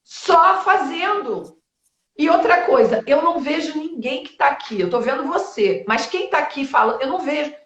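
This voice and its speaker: A woman in her fifties speaking as a guest in a live-stream interview, lively and blunt, with quick asides and the odd swear word. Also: high-pitched, echoey room. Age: 50s. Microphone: video call.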